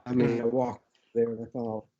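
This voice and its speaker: A middle-aged man with an Arkansas accent, casually reminiscing as an interview guest in a rambling, halting way. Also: medium pitch, completely flat delivery, warm tone. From Arkansas, United States. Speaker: actor, podcast guest. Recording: dull, lo-fi audio.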